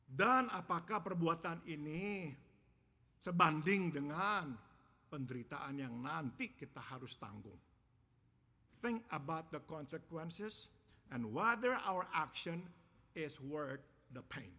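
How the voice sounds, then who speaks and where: A male pastor delivering a sermon in measured, emphatic phrases, repeating each point in English after saying it. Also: a little high, lively intonation, sharp tone. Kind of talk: bilingual sermon with self-interpretation. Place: church. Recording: long church reverb.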